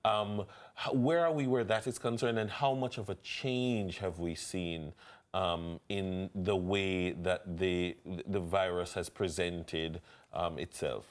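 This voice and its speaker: This is a man with a very low voice, hosting in a TV studio. He asks his questions slowly, with plenty of ums and restarts. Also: steady tone. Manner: hesitant questioning with fillers. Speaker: morning show co-host. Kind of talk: TV studio interview.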